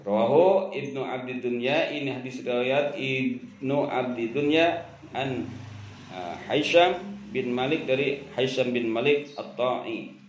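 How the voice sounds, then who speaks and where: A man preaching a sermon at a religious study gathering, chanting Arabic quotes and explaining them in lively casual speech. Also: slow, muffled recording. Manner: lively, swings from loud emphasis to low asides, chants Arabic quotes then explains; casual street slang and acted banter. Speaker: Islamic preacher. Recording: echoey room with faint background noise.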